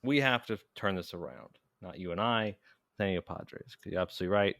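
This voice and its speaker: A man's voice: sits low, brisk, a bit bright, no room sound, studio quality. A man co-hosting a casual podcast, incredulous and laughing, repeating phrases in disbelief. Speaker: podcast co-host. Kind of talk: casual chat.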